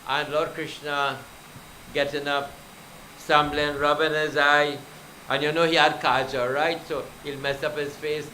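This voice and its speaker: A man's voice: on the high side, level tone, a little slow, bright, forceful tone, slight background noise, low-quality recording. A male pundit preaching a devotional sermon, telling scripture stories and exhorting the devotees. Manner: exhorting, storytelling, addresses devotees.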